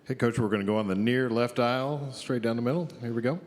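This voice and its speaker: A man moderating a press conference, briskly directing the coach to questioners in a large hall. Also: mid-range voice.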